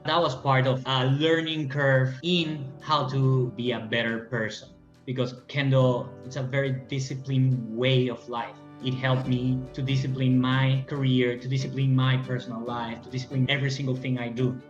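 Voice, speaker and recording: A man's voice: mid-range voice, little pitch movement, moderate pace, soft background music. A Peruvian man in his thirties, a native Spanish speaker, talking earnestly about his life as a guest in a casual interview, often restarting and searching for words. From Peru. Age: 30s. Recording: roomy, dull lo-fi audio.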